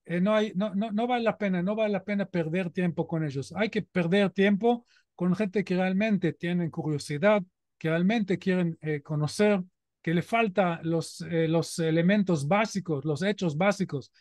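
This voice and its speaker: Middle-aged Israeli-accented man, high voice, earnest guest speaker, close dry sound. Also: normal speed, a little mellow, no echo. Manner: earnest and emphatic, with frequent rhetorical "¿no?". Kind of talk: informal talk to a community audience.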